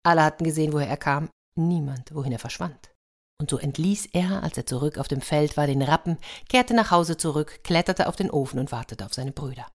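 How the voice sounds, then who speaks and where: A woman narrating a fairy tale for an audiobook in a lively way, speaking to her listeners. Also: low-pitched, a little fast. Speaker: storyteller.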